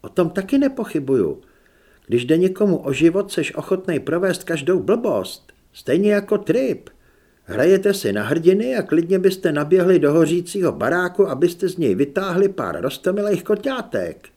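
A male audiobook reader voicing a tough, sharp-tongued young woman who scolds bluntly in a slightly raised voice. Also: high-pitched, very animated, pitched above the performer's own voice, full character voice. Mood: scolding.

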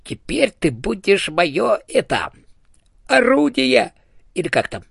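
A man's voice: sits high, big pitch swings, slow, creaky, fairly bright tone, husky, no room sound, clean studio sound, pitched above the performer's own voice, full character voice. A man voicing the chatty, bossy ghost of a small male hamster in an audiobook, fussy and pushy. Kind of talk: audiobook character voice.

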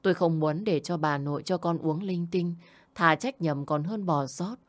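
A young woman narrating a first-person story in a calm, plaintive way. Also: low-pitched, moderate pace. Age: young adult. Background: faint music.

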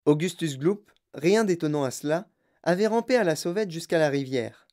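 A narrator reading a children's story aloud in an expressive way. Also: medium pitch, a little fast. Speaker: audiobook narrator. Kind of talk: scripted narration.

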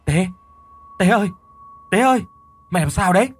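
A man doing a shouting older brother. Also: high voice, lively intonation, moderate pace, pitched above the performer's own voice. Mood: alarmed. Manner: shouting, gruff. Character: hot-tempered older brother.

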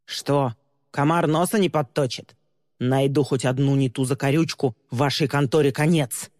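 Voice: mid-range voice, fairly even intonation, normal speed, a little mellow, natural voice. An enraged wealthy homeowner barks demands and threats in an indignant roar, as an audiobook reader puts him on. His lines land close and dry, with a long reverb tail behind them. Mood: outraged. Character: brash wealthy middle-aged man, furious.

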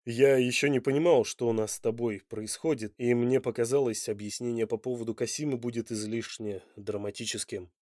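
A man's voice: mid-range voice, fairly even intonation, brisk, hardly any pauses, darkish tone, no echo, natural voice. A man playing a blunt, passionate, demanding Italian lover in an audiobook. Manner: blunt and insistent.

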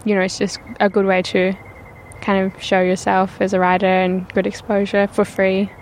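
Scottish-accent woman writer, creaky voice, hesitant, faint noise behind. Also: mid-range voice, monotone, normal speed. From Perth, Australia. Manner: hesitant, self-deprecating. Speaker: guest, writer. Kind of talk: casual interview chat.

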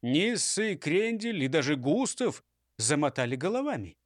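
A man narrating a children's audiobook in an expressive storytelling manner. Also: on the high side, normal speed, no room sound, studio quality.

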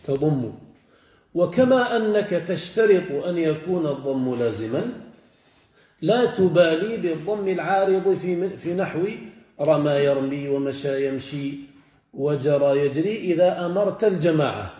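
A man with a fairly high voice teaches a grammar lesson as a sheikh. He says each word form aloud several times and pauses to check that his students understand. The lo-fi recording sounds muffled, and it carries the echo of a roomy classroom. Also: expressive.

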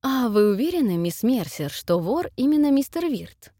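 A woman reading the part of a gentle, courteous young man in an audiobook, soft-spoken and polite. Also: on the high side, sing-song, normal speed, dry recording, clean studio sound, pitched above the performer's own voice. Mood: probing.

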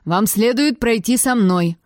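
A woman voicing an authoritative male university rector giving measured orders. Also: a little high, darkish tone, no room sound, clean studio sound, voice pushed up, close to an everyday voice. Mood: commanding.

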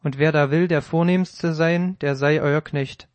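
A man reading the words of Jesus in a scripted audio Bible, with measured, solemn archaic phrasing. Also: fairly high pitch, steady tone, no room sound, lightly acted. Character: Jesus, calm grown male teacher.

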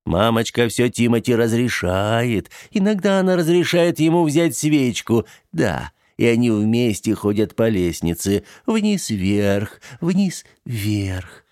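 A man's voice: medium pitch, sing-song, slow pace, few pauses, darkish tone, dry recording, studio quality. Man doing a hissing, sneering teen boy. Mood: sneering taunt. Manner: hissing, taunting. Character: nasty teenage boy, hissing, teasing.

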